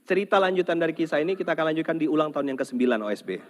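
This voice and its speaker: A preacher giving a light-hearted sermon, mixing jokes with calls for the audience to answer back. His voice sits a little higher than most men's. Long reverb from a large hall follows each phrase. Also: lively intonation, racing. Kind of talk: humorous sermon to a live audience.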